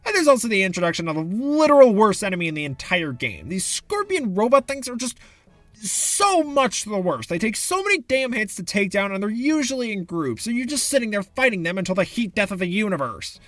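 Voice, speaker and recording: Sarcastic, lively high-voiced man. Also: brisk, no echo. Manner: sarcastic, exasperated ranting. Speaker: video game reviewer. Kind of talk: commentary video essay.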